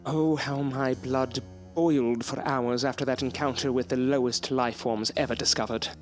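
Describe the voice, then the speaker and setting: For a period audio drama, an actor plays a proud, defiant, loyal male scientist who is courteous but bitter, speaking formally, articulately and theatrically. His mid-range voice holds a steady tone at a moderate pace, lightly acted, with faint music behind. The mood is bitter and brooding.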